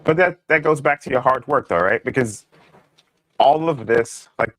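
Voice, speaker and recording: A man's voice: medium pitch, moderate pace, a bit bright, no echo. A man co-hosting a casual video-call chat, his voice coming through a crackling microphone that keeps cutting out, often checking with "right?". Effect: crackling mic that cuts out.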